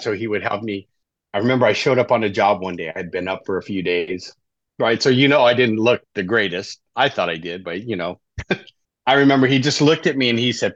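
A man's voice: lowish voice, no echo. A middle-aged man from Southern California, a life coach telling his story as a guest in an interview, in a conversational way that keeps tagging lines with "right?". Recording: dull, slightly lo-fi dry audio.

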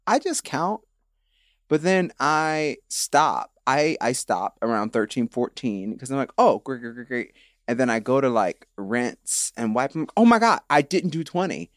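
A woman with a strikingly deep voice chats on a podcast, her pitch rising and falling as she tells a story. She is recorded close and dry. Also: unhurried, no room sound. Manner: animated, laughing storyteller. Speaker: podcast co-host. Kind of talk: casual chat.

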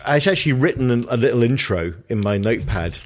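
A man on a podcast telling an excited, exclamatory story. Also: medium pitch, quick pace, a little hiss or hum. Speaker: podcast co-host. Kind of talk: casual chat.

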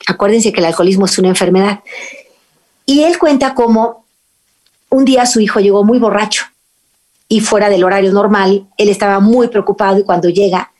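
A woman's voice: medium pitch, fairly quick, darkish tone. A middle-aged woman with a Mexican accent who hosts a radio talk on parenting and faith and speaks earnestly and emphatically to her listeners. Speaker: radio host.

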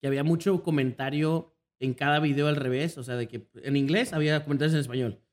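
A guest content creator with a Mexican accent talks fast in a slightly high voice, telling stories in a casual podcast chat. His storytelling is relaxed and slangy, full of fillers.

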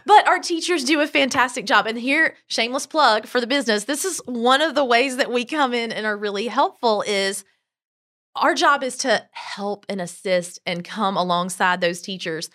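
A woman talking as a podcast guest, telling stories in an informal, animated and emphatic way. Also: on the high side, moderate pace. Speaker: podcast guest, travel business owner. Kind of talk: conversational interview storytelling.

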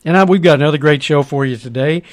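A man's voice: on the high side, fast. A man hosting a radio interview show, speaking in a rambling way and restarting his sentences. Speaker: radio show host, campus head.

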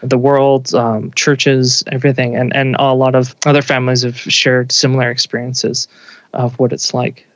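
A man's voice: medium pitch, level tone, moderate pace, no room sound, highs cut off. Earnest father speaking in an interview. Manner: earnest, reflective, with restarts. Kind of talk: conversational interview.

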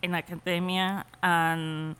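A woman with a Spanish accent talks slowly and thoughtfully as an interview guest, laughing easily between points. Her voice is low-pitched yet bright and very clear. The room carries a long reverberant tail. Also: flat delivery. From Spain. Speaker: cheesemaker guest. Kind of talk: casual interview conversation.

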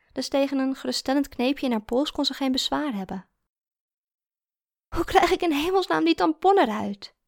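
A woman narrating fiction in a calm, steady audiobook reading. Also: on the high side.

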